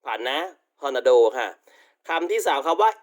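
A man's voice: mid-range voice, animated, a little slow. A male university English teacher giving a recorded online vocabulary lecture, affectionately calling students "child" and repeating polite tag particles.

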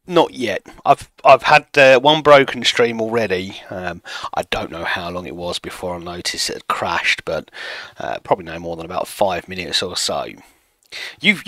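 This low, bright, forceful male voice has no echo. He's a late-thirties streamer at his home desk playing a football management game, reading chat out loud and poking fun at himself as he casually talks with viewers.

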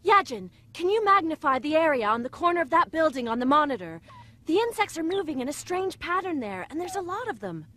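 A woman's voice: high voice, very animated, a little fast, pushed and bright, heavily acted. A woman playing a young, commanding, urgent spaceship captain in an anime dub. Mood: concerned, commanding. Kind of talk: English anime dub acting.

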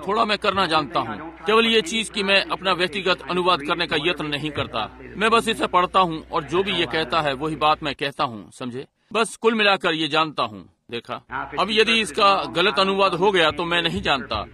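A man's voice: fairly high pitch, lively intonation, normal speed, crowd noise. A man preaching a sermon and praying, talking earnestly and repeating himself, often turning to the congregation with asides. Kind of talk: Hindi sermon and prayer.

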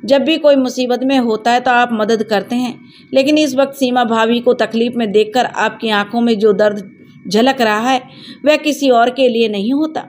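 Woman playing a gentle, teasing young woman. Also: a little high, normal speed, slight background noise, natural voice. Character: young woman, cheerful, teasing sister-in-law type.

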